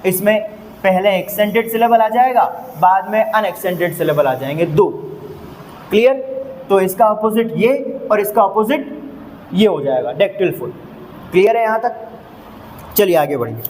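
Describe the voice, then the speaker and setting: A man with an Indian English accent teaching a lesson, reading definitions slowly and then explaining each one step by step with checking questions. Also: sits high, expressive, darkish tone, in a large hall, a little hiss or hum, rough recording. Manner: repeats each point, asks checking questions.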